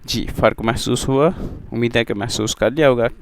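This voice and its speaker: A man teaching Quran letter sounds in a lesson, stretching out each syllable and repeating letters loudly for learners to follow. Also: mid-range voice, steady tone, a little fast, vocal fry. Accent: Urdu-speaking. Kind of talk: slow recitation lesson.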